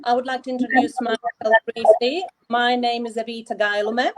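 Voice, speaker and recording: A woman from Latvia, a guest on an online talk, speaking in a hesitant, halting way. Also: a little high, level tone, darkish tone, rough recording. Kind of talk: online event chat.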